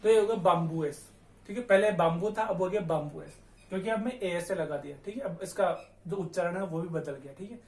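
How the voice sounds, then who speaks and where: A young man with a fairly high voice teaches a language lesson with a light Rajasthani Hindi accent. He spells words out slowly and checks in with his students again and again. The room around him sounds echoey and bare. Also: darkish tone. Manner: repetitive, checks in often with "theek hai". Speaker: Spanish teacher. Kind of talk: classroom-style language lesson.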